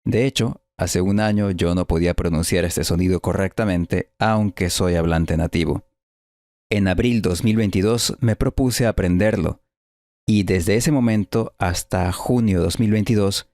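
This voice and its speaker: A man with a somewhat low voice talks straight to the camera in a casual vlog. He explains things patiently and then repeats practice words over and over. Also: darkish tone. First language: Spanish. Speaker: vlogger documenting learning to trill R. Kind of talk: casual first-person vlog.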